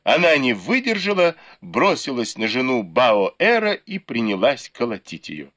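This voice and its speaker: A man reading an audiobook narration in an expressive storytelling manner. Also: medium pitch, a little slow. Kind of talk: scripted narration.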